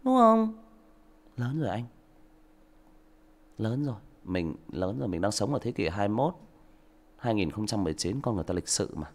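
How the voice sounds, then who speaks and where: Male livestream host, gravelly, indignant and lecturing. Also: fairly low pitch, lively intonation, fairly quick, pauses often, dark tone. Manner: lecturing, indignant, rhetorical questions. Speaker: audiobook narrator and livestream host. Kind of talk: livestream talk to listeners.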